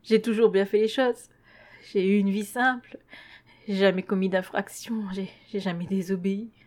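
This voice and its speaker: A woman's voice: mid-range voice, fairly even intonation, normal speed, darkish tone, natural voice. A woman voicing a terrified ordinary man who pleads and sobs in a story reading. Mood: frantic. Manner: pleading, panicky, tearful.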